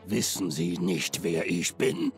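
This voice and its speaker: A man's voice: sits low, big pitch swings, slow, faint music behind, heavily acted. An actor playing a bitter, domineering old man in a video game, with a stern and contemptuous manner. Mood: menacing. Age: older. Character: cold, bitter, domineering old patriarch with underworld past. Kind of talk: dramatic video game acting, German dub.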